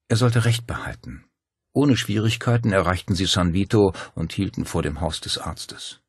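A man reading a crime novel aloud in a calm, measured narration. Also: low-pitched, husky, dry recording, studio quality. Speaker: audiobook narrator.

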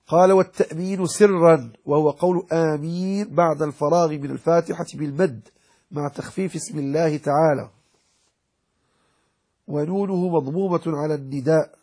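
A man's voice: a little high, steady tone, normal speed, a little mellow, breathy edge. A man as a sheikh giving a religious jurisprudence lecture, explaining and repeating points and checking that his listeners understand. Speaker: sheikh teaching Islamic jurisprudence.

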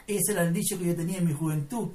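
A man's voice: sits high, rapid-fire, mellow, far from the mic. A man preaching a live sermon in Chilean Spanish, fervent and folksy, calling his listeners brother as he tells a personal testimony. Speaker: pastor. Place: church service.

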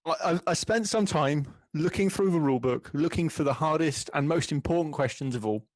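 A man's voice: fairly high pitch, animated, brisk, no room sound. An upbeat, wry man running a quiz. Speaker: quiz host on a podcast. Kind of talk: casual chat. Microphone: online call.

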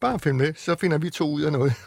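A man's voice: a little high, darkish tone. A man voicing a fussy big bad wolf. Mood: menacing. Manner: smooth-talking, then shrieking.

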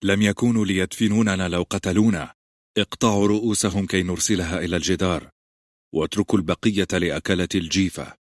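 A man's voice: low-pitched, steady tone, fast talker, no room sound, clean studio sound. A man doing a stern young lord. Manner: stern, scolding. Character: young male lord, angry and commanding.

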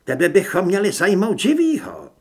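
A man voicing a furious, menacing female werewolf who leads cultists, with a raised high voice, in an audiobook. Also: huge pitch swings, full character voice. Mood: taunting. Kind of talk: audiobook character voice.

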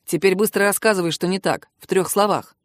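A woman's voice: medium pitch, brisk, no echo, studio quality, close to an everyday voice. A woman voicing a weary, stern male senior royal advisor who speaks in curt, clipped phrases.

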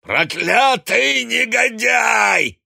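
Here is a bellowing old father in a spoken storybook. He rants in a strained, gravelly howl that is pitched far above a normal speaking voice, and he stretches every word. His rage keeps turning into self-pity. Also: expressive, sharp tone, dry recording, clean studio sound, exaggerated voice. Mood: raging. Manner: bellowing, drawn-out cursing.

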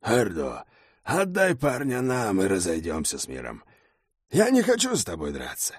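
A hulking gang leader, voiced by a male narrator who talks blunt and rough, growling his words. His pitch swings widely, and the sound is close and dry. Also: huge pitch swings, normal speed, no room sound, full character voice. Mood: gruff.

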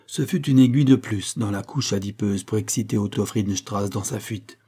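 A man reading a novel aloud as an audiobook, in steady storytelling narration that lifts for the spoken lines. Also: on the low side, moderate pace, slightly rough. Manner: steady storytelling, raising voice for dialogue. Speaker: audiobook reader. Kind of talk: scripted narration.

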